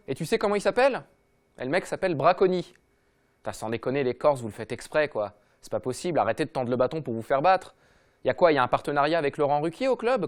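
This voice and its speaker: Fast-ranting mocking man. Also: on the high side. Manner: mocking, slangy, rapid-fire. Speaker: comedy football podcast host. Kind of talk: fast comic rant.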